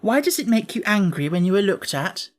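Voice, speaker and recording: Man doing an eager young girl, pitched up. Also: very animated, brisk. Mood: curious.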